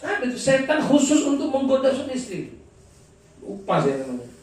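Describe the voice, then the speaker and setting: A man's voice: very high voice, wildly swooping pitch, fairly quick, a little mellow. A man with an East Javanese accent giving an informal religious lesson, chatty and humorous, acting out quarrels as he talks. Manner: chatty, mixes in regional phrases, acts out quarrels. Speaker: religious teacher. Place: gathering hall. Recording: echoey room, distant mic.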